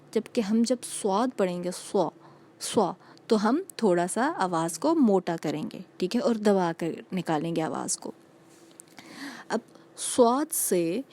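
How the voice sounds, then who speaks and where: A woman teacher giving a patient recorded phonics lesson to young children, repeating each sound slowly and checking in with them often. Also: mid-range voice, dark tone. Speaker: school teacher.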